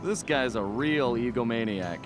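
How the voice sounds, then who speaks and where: A man's voice: mid-range voice, animated, unhurried, lightly acted. An actor playing a cool, wisecracking male raccoon thief in a game cutscene, talking wryly. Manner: wry, wisecracking. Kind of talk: video game cutscene acting. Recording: game music underneath.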